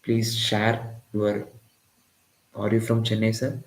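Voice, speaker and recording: A physics tutor from Tamil Nadu, speaking Indian English, teaches a live-streamed exam-prep lesson in a fairly low, monotone voice, taking it slowly. He's repetitive, often repeating lines and checking in with "got it?". The audio is poor and sounds roomy.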